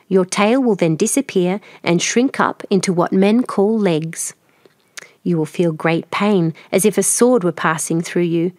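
A woman's voice: mid-range voice, a little mellow, no room sound, studio quality, natural voice. A woman voicing a cruel, scheming old sea witch in a storybook reading, mocking and menacing.

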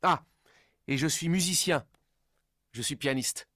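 Male pianist contestant, played by a man, relaxed and slow. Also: fairly high pitch, heavy background noise, lightly acted. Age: 30s.

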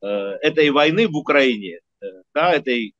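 An older man, a diplomat, giving measured political analysis in an interview, hesitating and correcting himself often. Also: a little high, lively intonation, fairly bright tone, no room sound, muffled recording. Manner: measured, lecturing, many hesitations and self-corrections. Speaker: diplomat and regular guest analyst.

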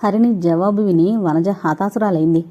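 A woman narrating a novel as an audiobook reader, steady and storytelling, in a slightly dull recording. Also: lowish voice, moderate pace.

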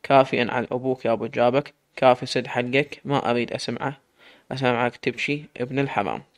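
A man's voice: mid-range voice, steady tone, fast talker, no echo, natural voice. A man with an Iraqi Arabic accent voicing a distraught young wife, pleading and defiant, in a dramatic story. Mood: screaming.

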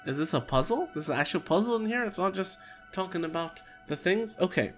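A man's voice: high-pitched, lively intonation, a little fast. A man in his thirties giving casual, jokey gameplay commentary, talking to himself on a close microphone. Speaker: let's player. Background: game music.

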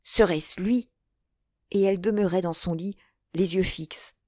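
A woman reading a classic novel aloud as an audiobook narrator, measured and even. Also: lowish voice, no echo, clean studio sound. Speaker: audiobook reader.

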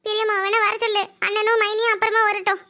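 A woman voicing a fussing, caring older village mother-in-law in a cartoon, speaking with a southern Tamil Nadu accent and giving orders fast. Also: very high voice, little pitch movement, bright, forceful tone. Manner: bossy, fast, scolding yet tender. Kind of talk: cartoon voice acting.

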